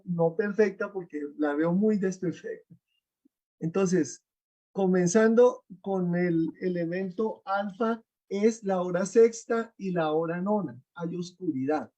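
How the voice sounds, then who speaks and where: High-voiced, slow male lecturer. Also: warm tone. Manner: explanatory, checks in with rhetorical questions. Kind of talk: webinar lecture.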